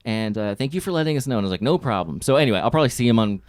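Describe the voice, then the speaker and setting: A man's voice: mid-range voice, lively intonation, rapid-fire, no echo, clean studio sound. A man hosting a podcast, telling a casual, rambling story full of fillers. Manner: rambling anecdotes with fillers and acted quotes. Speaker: podcast host. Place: Los Angeles.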